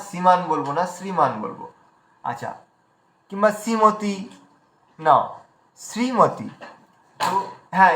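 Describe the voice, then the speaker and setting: High-voiced Bengali man teaching pronunciation. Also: bright, forceful tone, reverberant. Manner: explanatory, spells out letters slowly. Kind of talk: online class lecture. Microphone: video call.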